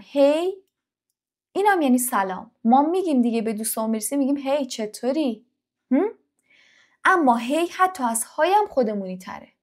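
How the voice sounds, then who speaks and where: Encouraging woman teacher, slightly high voice. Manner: warm direct address to the learner, encouraging; drills English words by repeating them slowly. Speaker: English teacher. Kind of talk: online English lesson for teens.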